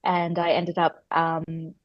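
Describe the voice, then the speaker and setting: Woman, 30s, chatty storyteller, lowish voice, dry close recording. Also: slow, no echo, muffled recording. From Australia. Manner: chatty, animated storyteller with many fillers and self-corrections. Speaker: guest, personal stylist. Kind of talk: podcast interview storytelling.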